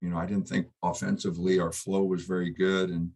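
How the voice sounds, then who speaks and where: Middle-aged male coach, deep husky voice, halting postgame answers. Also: level tone, darkish tone. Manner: halting, subdued, many fillers and restarts. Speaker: basketball head coach. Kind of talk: postgame press conference.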